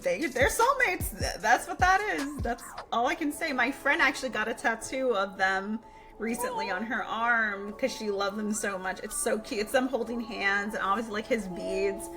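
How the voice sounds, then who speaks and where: A woman co-hosting a podcast in casual chat, animated and laughing often, acting out characters' lines as she retells stories. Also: a little high, normal speed, music in the background. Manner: animated, acts out characters' lines while recounting. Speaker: podcast co-host.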